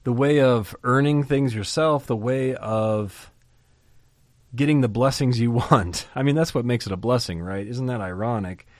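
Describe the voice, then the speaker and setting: A man teaching through a Bible chapter in a lively, conversational way, asking rhetorical questions and chuckling now and then. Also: mid-range voice, moderate pace, dry recording, clean studio sound.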